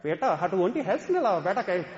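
A man's voice: sits high, big pitch swings, a faint crowd, a little hiss or hum. A puzzled fussy mother, as a man puts her on. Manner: bewildered, mildly scolding. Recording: echoey hall, dull sound.

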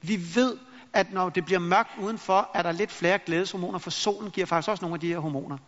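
A high-voiced middle-aged man speaks as a motivational speaker, acting out anecdotes with lively energy. His voice rings with a long hall reverb, and the recording sounds dull and lo-fi. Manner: lively storyteller who acts out anecdotes. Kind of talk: motivational talk to an audience.

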